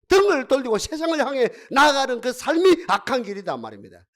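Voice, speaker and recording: A man's voice: extremely high pitch, sing-song, a little fast. A man preaching a sermon as pastor in a church, with repetitive, rhythmic refrains and emphatic delivery. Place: church sanctuary.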